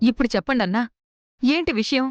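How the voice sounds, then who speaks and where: A woman's voice: high-pitched, animated, fast, dull audio, soft background music. An actress playing a middle-aged mother falsely accused of fraud, placating and begging. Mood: defensive. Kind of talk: TV serial acting.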